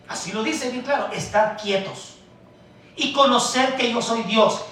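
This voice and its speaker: A man preaching a sermon as pastor, calling the congregation brothers, swinging from soft asides to loud emphasis. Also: extremely high pitch. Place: church hall. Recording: echoey church hall, mic far off.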